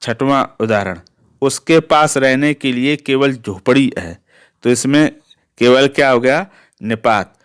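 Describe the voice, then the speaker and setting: A man's voice: medium pitch, measured pace, smooth. A man teaching a Hindi grammar lesson, explaining step by step and asking himself rhetorical questions.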